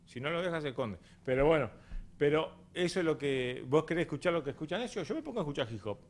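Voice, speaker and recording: A middle-aged man with a Rioplatense Spanish accent, co-hosting a morning show in animated, joking, rambling chat. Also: on the high side, fast talker. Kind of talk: casual chat.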